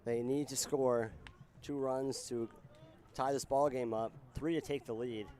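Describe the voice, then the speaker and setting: A man's voice: medium pitch, fairly even intonation, unhurried, dark tone. A man giving color commentary on a baseball game in a conversational way, explaining the game situation.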